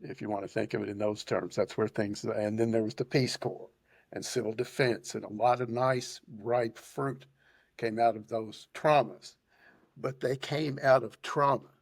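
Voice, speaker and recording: A man with an Appalachian drawl speaking as a panel guest in a reflective, deliberate conversational monologue. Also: mid-range voice, steady tone, creaky, husky, no echo.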